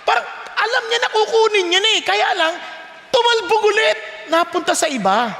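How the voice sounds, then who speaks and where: A male pastor delivers an animated sermon, his voice rising as he tells a story. His tone is bright and sharp, with a gravelly edge. The sound carries the long echo of a large church hall. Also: moderate pace. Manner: animated storytelling, often rising in pitch and volume.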